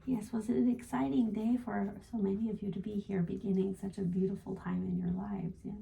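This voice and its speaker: A woman channeling a gentle male spirit guide as a seance medium, speaking formally and ending phrases with a questioning "yes?". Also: medium pitch, level tone, a little fast, creaky, poor audio. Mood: gentle, assured. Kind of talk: spiritual guidance in trance channeling session.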